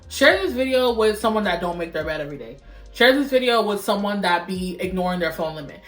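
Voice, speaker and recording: Young female vlogger, playful sing-song delivery, mid pitch, roomy echo. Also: fairly bright tone. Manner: sing-songy, playful, breaks into little chants. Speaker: YouTube vlogger. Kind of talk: casual vlog chat to camera. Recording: roomy echoey room.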